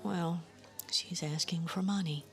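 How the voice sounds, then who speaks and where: A woman voicing a playful, easygoing American woman who speaks softly, often in a breathy hush. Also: fairly low pitch, fairly even intonation, a little slow. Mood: matter-of-fact. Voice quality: soft, hushed, often breathy whisper.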